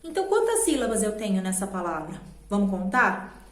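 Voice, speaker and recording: A woman with a Brazilian Portuguese accent teaching a children's grammar lesson, patiently slowing down to spell out letters and syllables. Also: medium pitch, big pitch swings. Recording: echoey room.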